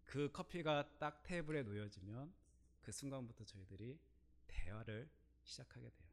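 A middle-aged male pastor preaching a sermon, telling a personal story and swinging between quiet asides and loud, emphatic bursts. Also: mid-range voice, lively intonation, moderate pace.

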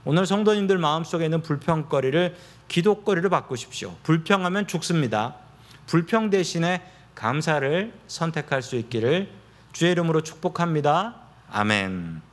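A male pastor delivering an emphatic sermon, acting out quoted voices. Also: a little high.

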